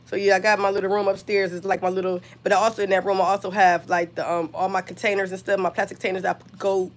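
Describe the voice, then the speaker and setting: A woman with a scratchy voice from being sick, chatting casually with live-stream viewers while showing her craft work. She, talks straight to her viewers with lots of fillers, and is recorded on a phone. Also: medium pitch.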